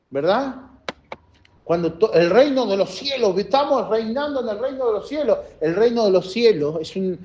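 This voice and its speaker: A man preaching a sermon as pastor, impassioned and swinging between loud and soft. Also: high-pitched, a little hiss or hum. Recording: dull lo-fi sound.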